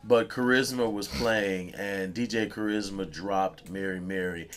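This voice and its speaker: A radio host with a low-pitched voice, chatting in a casual interview. He is effusive, repeats his praise and laughs easily as he tells stories. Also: steady tone, measured pace.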